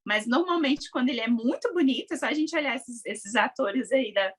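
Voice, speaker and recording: Husky high-voiced woman chatting. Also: brisk. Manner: animated, explaining with quoted voices and frequent "né?". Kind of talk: casual conversation.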